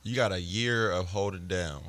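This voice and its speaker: A man hosting a podcast in casual group chat. He talks in an animated way, repeats himself as he builds a point, and his voice is going hoarse. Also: low-pitched, normal speed. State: losing his voice. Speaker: podcast host.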